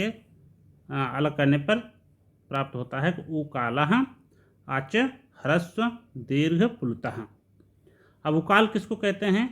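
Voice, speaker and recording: A man's voice: fairly high pitch, a bit bright. Patient man teaching Sanskrit grammar. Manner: patient, repeats key terms slowly. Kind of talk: explanatory lesson.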